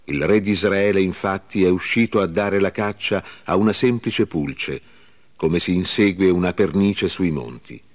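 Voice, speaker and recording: An earnest young warrior who calls out with indignation and solemn pleading, read by a man. The voice sits very low and carries a grave, declaiming tone. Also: moderate pace.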